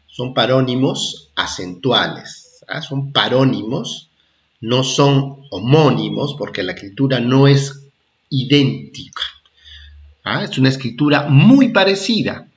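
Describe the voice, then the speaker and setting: Recorded in lo-fi quality, a medium-pitched man works through a children's classroom lesson at a slow pace. He goes over each point repeatedly, checking with "¿ah?" and "¿de acuerdo?" that the pupils are following.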